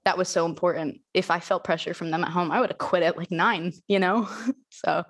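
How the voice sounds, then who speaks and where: A young woman speaking openly and reflectively as an interview guest, with soft laughs. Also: lowish voice, fairly even intonation, a little fast, slightly rough. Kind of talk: candid personal interview.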